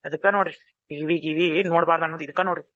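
A woman's voice: sits low, level tone, rapid-fire, fairly bright tone, dry recording. A woman voicing a grumpy, bossy middle-aged village husband in a cartoon, with a North Karnataka Kannada accent. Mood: muttering angrily. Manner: bossy, threatening. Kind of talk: cartoon voice acting. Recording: dull lo-fi recording.

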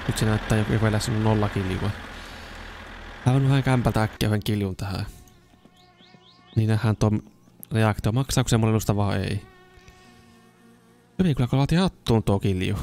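Young man, low voice, gaming commentary, casual, chatty, excitable bursts. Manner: chatty, talks to himself while playing, bursts into excited shouts. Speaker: gaming YouTuber. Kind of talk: casual let's-play commentary.

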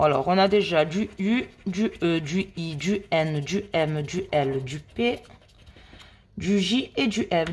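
A woman hosting a scratch-card video, chatting slowly and addressing her viewers as friends while she checks numbers and letters. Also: fairly low pitch, darkish tone. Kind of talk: casual play-by-play commentary.

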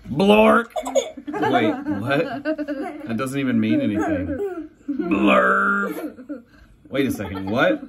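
In a child's bedroom, a man in his thirties reads a picture book aloud to young children, playful and theatrical, feigning reluctance and putting on silly exaggerated voices. His voice is high, gravelly and slow, with wildly swooping pitch and frequent pauses. A loud crowd of children laughs and chatters in the background.

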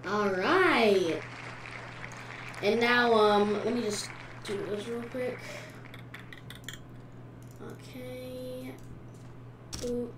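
Casual female giveaway host, highish voice, distant mic with faint noise. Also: extremely slow, long pauses, very echoey. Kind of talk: casual giveaway video narration.

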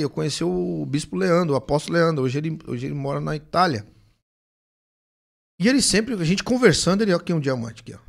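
A man, a pastor telling his testimony in animated, casual conversation and acting out the dialogue. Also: on the high side, creaky. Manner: animated storytelling, acts out dialogue.

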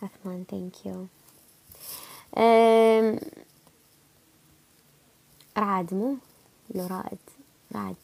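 A woman's voice: medium pitch, fairly even intonation, slow pace, vocal fry, pauses often, a little mellow. Sick Iraqi woman chatting on a livestream. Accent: Iraqi Arabic. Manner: chatty, reads and answers viewer comments. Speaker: livestream host. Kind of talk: casual live chat with viewers.

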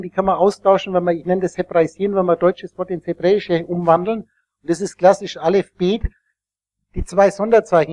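In a live teaching talk, a man with a notably high, slightly mellow voice lectures a roomful of listeners. He rambles and explains, drifting between points and asking the audience questions to see if they follow. The sound is close and dry, with almost no room echo.

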